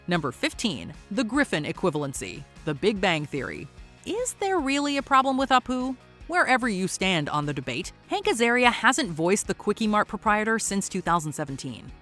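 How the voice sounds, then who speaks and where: Lively wry countdown narrator. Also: mid-range voice, moderate pace, soft background music. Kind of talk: scripted voice-over narration.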